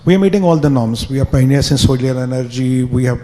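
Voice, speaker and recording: A man's voice: medium pitch, quick pace, warm tone. A man with an Indian accent asking a question from the audience at a public event. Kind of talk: question from the floor. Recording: echoey hall.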